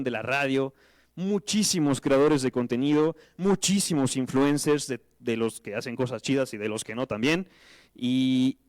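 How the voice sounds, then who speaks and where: Mexican man telling an animated story. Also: fairly high pitch, dry recording. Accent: Mexican Spanish. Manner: animated storytelling, self-mocking, slangy. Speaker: guest speaker. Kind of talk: conference talk. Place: lecture hall with audience.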